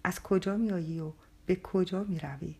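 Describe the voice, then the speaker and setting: A woman's voice: on the low side, dark tone, breathy edge. A woman voicing a harsh, bullying young male policeman in a storybook reading, scolding and menacing. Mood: threatening.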